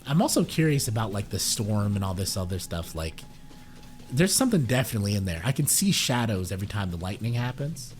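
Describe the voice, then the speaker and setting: Lively low-voiced man streaming a game. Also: fairly quick. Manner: joking, swears freely, self-mocking. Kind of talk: casual let's-play commentary. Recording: game music playing behind.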